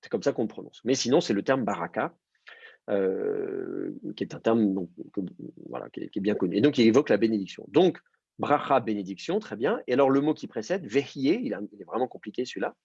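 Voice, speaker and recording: Male teacher, patient and methodical, husky timbre, dull dry recording. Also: lowish voice, animated, a little fast, a little mellow, no echo. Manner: patient, explains step by step with many fillers. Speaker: Hebrew teacher. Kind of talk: online class explanation.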